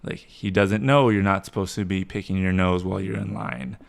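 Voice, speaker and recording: A man's voice: low voice, fairly even intonation, a little fast, gravelly. A young man co-hosting a podcast, telling a story in a loose, rambling way full of fillers. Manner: rambling, lots of "like" fillers, laughs through his story. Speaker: podcast co-host. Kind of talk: casual storytelling chat.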